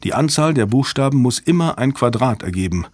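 A man reading an audiobook, voicing a tense, quick-witted woman cryptographer in a raised, insistent voice. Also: mid-range voice, expressive, darkish tone, no echo, natural voice. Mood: explaining. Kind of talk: audiobook character voice.

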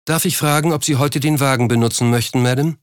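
A man's voice: medium pitch, fast, smooth, dry recording, clean studio sound, pitched above the performer's own voice, natural voice. A man voicing a deferential chauffeur. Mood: polite. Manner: formal, deferential. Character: polite deferential male chauffeur. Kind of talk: audiobook character voice.

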